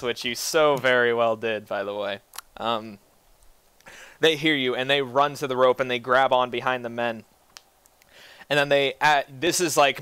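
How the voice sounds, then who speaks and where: Male game master, wry and casual narrator, crisp bright voice, dry recording. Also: medium pitch, no room sound.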